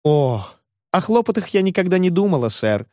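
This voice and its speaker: A man voicing an effusive, tearful middle-aged landlady with a trembling voice, raised higher than his own, in a dry recording. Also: sing-song, normal speed, a little mellow, dry recording. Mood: gushing.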